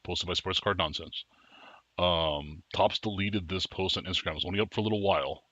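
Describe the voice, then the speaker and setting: A man co-hosting a casual chat show, chatty and quick to laugh. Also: sits low, dry recording. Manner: laughs often, chatty and animated. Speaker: podcast co-host. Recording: dull lo-fi sound.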